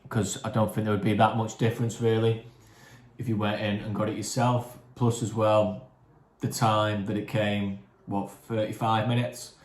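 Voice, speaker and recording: A man casually talking through a takeaway food review for his vlog, chatty and relaxed, sometimes talking with his mouth full. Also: fairly low pitch, roomy sound. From England, near Chester.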